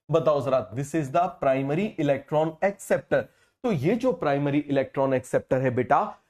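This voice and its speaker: A man teaching a biology class, unwell with a fever, who keeps asking questions and repeating the answers slowly. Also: a little high, darkish tone. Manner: call-and-response questioning, repeats key terms slowly. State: feverish, speaking slower than usual. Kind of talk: online class lecture.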